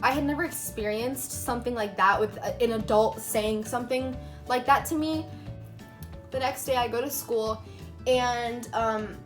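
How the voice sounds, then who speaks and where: A woman's voice: fairly high pitch, a bit bright. A young woman telling a personal story in a casual storytime vlog, chatting along with lots of filler words. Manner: chatty, filler-heavy retelling with many "like"s. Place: room at home lit by fading daylight.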